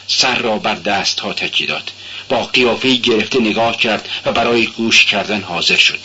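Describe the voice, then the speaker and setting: A man narrating a classic novel in a steady, measured audiobook reading. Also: fairly low pitch. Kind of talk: scripted literary narration. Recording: dull lo-fi recording with faint hum.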